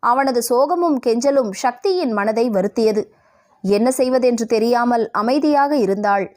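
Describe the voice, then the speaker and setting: Woman reading an audio novel, smooth storytelling voice, kinda high pitched. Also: unhurried, darkish tone. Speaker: radio jockey and audio novel narrator. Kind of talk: scripted audio novel narration.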